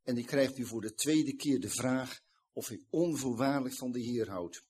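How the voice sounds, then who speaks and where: A man with a slightly husky, breathy voice delivers a sermon. He retells a scripture scene in an earnest, explanatory way, at a moderate pitch for a man. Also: moderate pace, a little mellow. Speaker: preacher.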